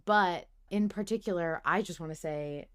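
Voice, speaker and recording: A woman hosts a podcast, chatting casually with fans and thinking out loud in a playful, conversational way. Her voice is fairly low, a bit bright, and clean, at a moderate pace.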